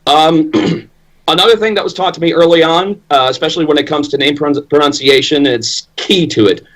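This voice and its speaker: A man with a slightly high voice talks in a conversational interview. He is an opinionated guest who puts his points emphatically, in everyday speech. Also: fairly quick, a bit bright, rough recording. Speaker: ring announcer interviewed as guest.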